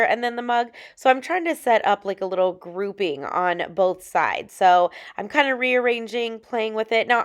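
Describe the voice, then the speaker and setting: A woman's voice: mid-range voice, smooth. A young woman chatting casually to viewers in an upbeat, friendly way as she decorates her kitchen at home. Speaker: lifestyle vlogger.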